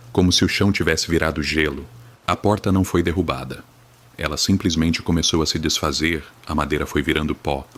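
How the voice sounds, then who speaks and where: A man's voice: very deep voice, fairly bright tone. A Brazilian man reading a first-person horror story in a somber, dramatic, grave manner.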